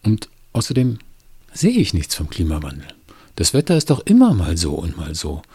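A man voicing a stubborn, defensive man who doubts climate change, in a husky voice with dry close sound. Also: low voice, wildly swooping pitch, moderate pace, mellow, no echo, exaggerated voice. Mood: indignant. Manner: indignant, pushing his view.

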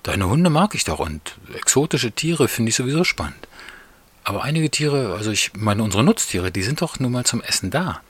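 A man voicing an exasperated married man who complains about shopping in an animated, slightly naive way. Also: mid-range voice, normal speed, breathy edge, no echo, voice pushed up. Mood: complaining.

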